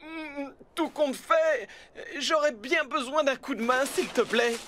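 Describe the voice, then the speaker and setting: A man playing a kind, reassuring builder and team leader in a French cartoon dub, with an encouraging, expressive delivery. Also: extremely high pitch, slow pace, a little hiss or hum, heavily acted. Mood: hesitant, good-natured.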